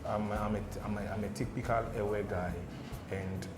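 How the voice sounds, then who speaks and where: Speaking with a fairly low pitch at a moderate pace, a Ghanaian interview guest recounts stories with lively energy during a relaxed studio chat. He repeatedly asks "okay?" and "do you understand?" of his listener, while the echoey room carries background music.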